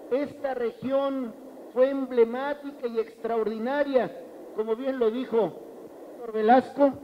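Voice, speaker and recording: A man's voice: very high voice, dull audio, a little hiss or hum. A middle-aged Mexican man giving an emphatic political speech with a handheld mic in a large banquet hall, repeating phrases for effect. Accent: Mexican Spanish.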